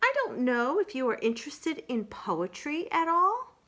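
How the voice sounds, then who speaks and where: A woman voicing a naive, earnest toy bear who recites in a deliberate singsong for a storybook. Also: high voice, big pitch swings, fairly bright tone, voice pushed up, full character voice. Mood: hopeful, hesitant.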